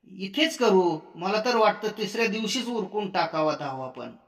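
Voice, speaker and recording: Worried lil farmer brother begging as a man does him, higher voice, echoey. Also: animated, normal speed, fairly bright tone. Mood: pleading. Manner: pleading, worried. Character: younger village brother, pleading farmer. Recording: roomy echo.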